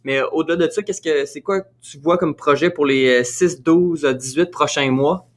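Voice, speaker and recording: A man with a Quebec French accent hosting an interview, relaxed and hesitant with fillers. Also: on the high side, normal speed. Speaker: podcast host. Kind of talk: casual interview chat.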